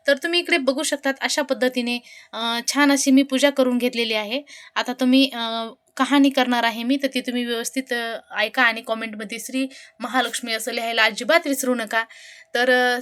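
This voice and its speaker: A woman's voice: high voice, a bit bright. A woman hosting her channel and telling a devotional tale in short, rhythmic phrases. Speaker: devotional storyteller, channel host.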